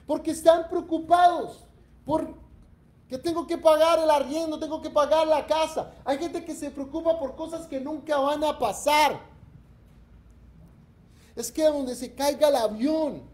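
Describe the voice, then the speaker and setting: A man's voice: very high-pitched, a little mellow. A middle-aged man, preaching a sermon in an emphatic, earnest way. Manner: emphatic and earnest, acts out quoted voices. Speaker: pastor. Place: church.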